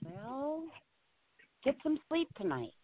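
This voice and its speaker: A woman's voice: sits high, very animated, takes it slowly, noisy background. Woman, church elder, on a phone call, muffled lo-fi sound, caring short replies. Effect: heard over a phone line. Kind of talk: casual group call.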